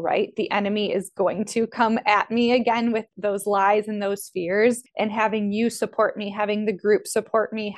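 A young woman in an interview, earnestly and reflectively sharing how her faith guided a career decision. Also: medium pitch. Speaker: coaching student, nutrition business owner. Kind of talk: faith-based interview conversation.

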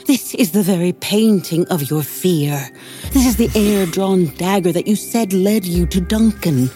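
A woman's voice: on the low side, measured pace, dark tone, faint music behind, close to an everyday voice. A woman playing a commanding queen, scolding and cutting in Shakespearean verse. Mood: scornful. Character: scornful commanding queen, female. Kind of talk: Shakespearean acting.

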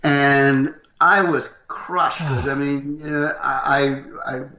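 An older man with a loud, gruff voice, telling animated stories as a voice actor being interviewed. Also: medium pitch, slow. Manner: animated, acts out what others said. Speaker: voice actor guest. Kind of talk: interview storytelling. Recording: roomy, slightly dull recording.

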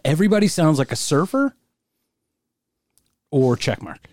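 A man's voice: on the high side, sing-song, a little slow, darkish tone, dry recording, studio quality. A man co-hosting a podcast, joking and teasing his friend in casual chat. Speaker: podcast co-host.

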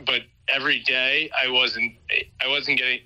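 A man's voice: mid-range voice, level tone, normal speed, pushed and bright, poor audio. Joking man over a speakerphone. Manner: playful, joking. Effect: heard over a phone on speaker. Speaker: host's husband called on the phone. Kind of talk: casual chat.

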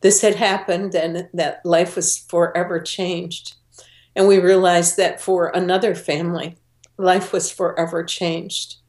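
A woman's voice: on the low side, flat delivery, measured pace, darkish tone. A middle-aged woman, a guest in an interview, telling a personal story earnestly and voicing the people she quotes. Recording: roomy echo.

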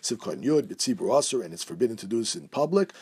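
Fast-talking husky man teaching halacha. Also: mid-range voice, very animated, a little mellow. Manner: reads Hebrew and Aramaic quotes, then explains in English. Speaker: Torah teacher. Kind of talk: halacha class, reading and translating texts.

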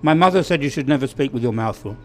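A man's voice: mid-range voice, animated, very fast, darkish tone. A man hosting a podcast, talking in a chatty, joking way while he tastes food. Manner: chatty, jokey. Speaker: podcast host. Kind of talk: casual podcast chat.

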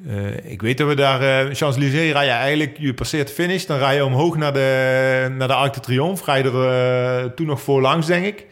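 A man's voice: mid-range voice, normal speed, hardly any pauses, fairly bright tone. A man in his thirties, a professional cyclist, answering interview questions at length in a hesitant way, with lots of ums and restarts. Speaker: professional cyclist, sprint lead-out rider. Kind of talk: interview answers recalling races.

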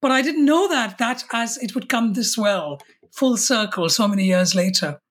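A woman's voice: fairly high pitch, normal speed, breathy edge. A woman, a podcast guest in a conversational interview, speaking reflectively with restarts and self-corrections. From India.

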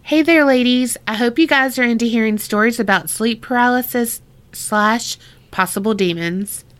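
A woman's voice: on the high side, normal speed, fairly bright tone. A woman co-hosting a podcast, chatting casually, reading a listener's story aloud, laughing often and swearing freely.

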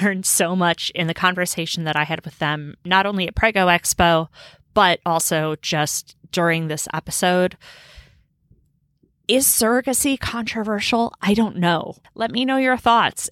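In a room on a river boat, a woman in her thirties chats as a podcast host, rambling in a bubbly, slangy manner. She has a lowish, slightly bright voice with no echo.

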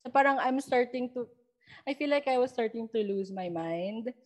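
A woman's voice: a little high, moderate pace. A young Filipina woman casually recounting personal paranormal experiences, switching into English and acting out quoted dialogue. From Philippines. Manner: mixes English into Tagalog, animated retelling with quoted dialogue. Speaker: guest storyteller. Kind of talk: casual storytelling chat.

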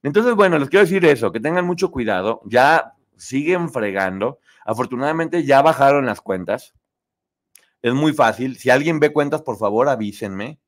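A man's voice: mid-range voice, expressive, moderate pace. A man with a Mexican Spanish accent hosting a live stream, chatting with viewers, reading their comments aloud and laughing often. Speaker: host.

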